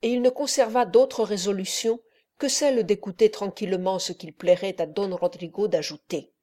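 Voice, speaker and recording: Woman reading an audiobook, steady and calm, mellow voice. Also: mid-range voice, normal speed. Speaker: audiobook narrator. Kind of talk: scripted literary narration.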